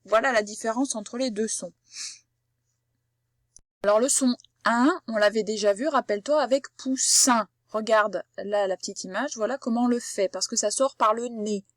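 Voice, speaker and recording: Here a primary school teacher with a voice on the high side guides a child through phonics, patiently sounding out each word. Her explanation is slow and carefully articulated, captured in clean studio sound with no room noise.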